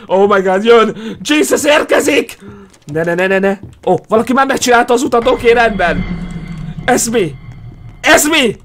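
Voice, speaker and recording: A young man doing excitable let's play commentary as a gaming YouTuber, yelping, shrieking and laughing often. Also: extremely high pitch.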